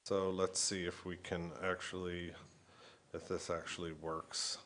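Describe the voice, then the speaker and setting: A man chairing a meeting, making informal remarks in a halting, hesitant way with pauses. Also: deep voice, little pitch movement, fairly bright tone, a little hiss or hum.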